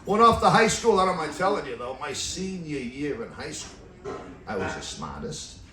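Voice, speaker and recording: Casting: middle-aged man doing club stand-up, deadpan one-liners, laughs at himself, mic held off, roomy distant sound. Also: fairly high pitch, normal speed. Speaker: stand-up comedian. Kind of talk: stand-up comedy set. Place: comedy club stage with live audience. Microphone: stand mic away from mouth.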